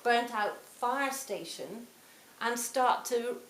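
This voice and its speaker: A woman in her sixties giving a reflective Buddhist talk to a retreat audience, her phrases often trailing off softly. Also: a little high, takes it slowly. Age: 60s. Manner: reflective, warm storytelling with soft trailing phrase ends. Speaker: Buddhist teacher. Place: retreat hall. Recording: roomy hall, faint hiss.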